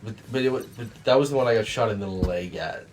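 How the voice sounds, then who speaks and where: A man's voice: lowish voice, fast, noisy background. A man talking casually and hesitantly about his dream, with many fillers.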